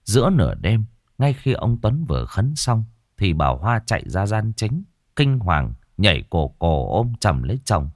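Dramatic horror narrator. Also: male voice, fairly low pitch, sing-song, no echo, clean studio sound. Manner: slow, dramatic, suspenseful. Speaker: storyteller.

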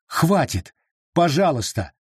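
A man's voice: a little high, very animated, takes it slowly, breathy edge, no echo, clean studio sound, pitched above the performer's own voice, heavily acted. A man voicing a timid, anxious husband in an audiobook, pleading frantically. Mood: alarmed. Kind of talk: audiobook reading.

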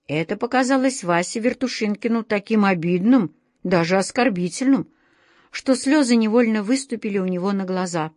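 A woman narrating a children's book as an audiobook, in a measured and expressive way. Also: mid-range voice, dry recording, studio quality.

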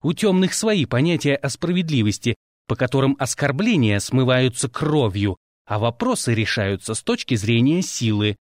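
Wry male audiobook narrator, lively. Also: medium pitch, moderate pace, dry recording, studio quality. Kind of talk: first-person audiobook narration.

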